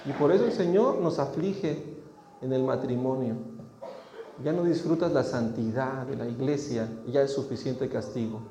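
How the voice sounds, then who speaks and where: A man's voice: a little high, warm tone. A man preaching a sermon in a church, with rising emphasis, who acts out little dialogues. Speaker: pastor. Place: church hall. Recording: echoey hall, dull sound, faint noise.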